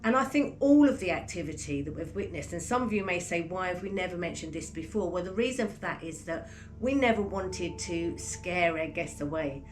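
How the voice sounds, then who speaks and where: A woman's voice: lowish voice, lively intonation, normal speed, faint music behind. A woman hosting a renovation vlog, talking casually and chattily to camera. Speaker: vlog host and chateau owner.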